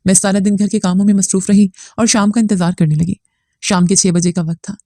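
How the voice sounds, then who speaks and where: A woman narrating a first-person family drama story in a steady, somber manner. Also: mid-range voice, a little fast, no room sound.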